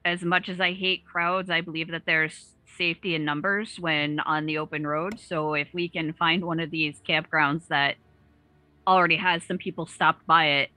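A woman's voice: low-pitched, fairly even intonation, moderate pace, sharp tone, no echo. A woman player in a tabletop game, speaking in a hesitant, thoughtful way.

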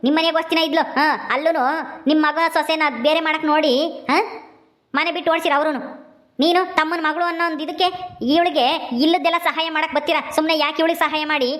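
A woman's voice: sits high, little pitch movement, quick pace, a bit bright. A woman voicing a stubborn young village man who talks sharply and dismissively.

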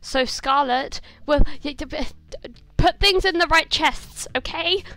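A woman's voice: high-pitched, measured pace, bright, forceful tone, faint music behind. A young woman hosting a multiplayer game video, chatting casually and giggling often, trailing off with fillers as she shows off builds. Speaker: gaming channel host. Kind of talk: casual gameplay commentary.

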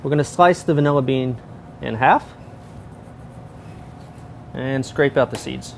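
A man's voice: mid-range voice, measured pace, a little hiss or hum. A man in his thirties, a chef demonstrating recipes step by step in a large professional kitchen, on a lapel mic. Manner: steady step-by-step instruction. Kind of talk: cooking demonstration.

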